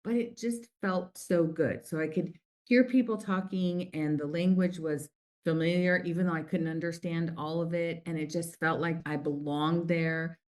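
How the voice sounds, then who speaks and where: Her pitch sits fairly low and her intonation stays fairly even, at a moderate tempo. She's a middle-aged woman from the United States, the founder of a lip color company, guesting on a casual interview and telling warm, rambling stories with plenty of fillers.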